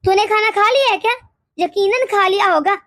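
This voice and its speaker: A woman voicing a harsh, scolding older mother-in-law in an animated story, nagging and sharp-tongued. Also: extremely high pitch, brisk, dry recording, clean studio sound.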